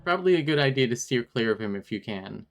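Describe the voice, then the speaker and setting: A man's voice: medium pitch, expressive, quick pace, lightly acted. A man reading aloud the game lines of an earnest young boy in an asylum, in a plain, friendly way.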